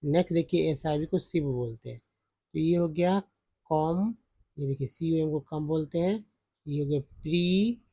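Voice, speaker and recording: A man gives a spelling and pronunciation lesson, patient and repetitive as he goes over each sound. His voice sits a little high but has a mellow, soft tone. The recording is dry and close, with no room sound. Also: unhurried, breathy edge, no room sound. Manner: patient, repeats each sound several times. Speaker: English teacher.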